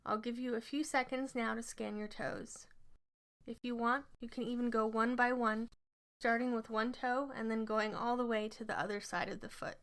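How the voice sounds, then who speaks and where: A relaxation instructor with a steady, somewhat bright voice on the high side leads a scripted guided exercise. She speaks in careful, measured instructional phrases.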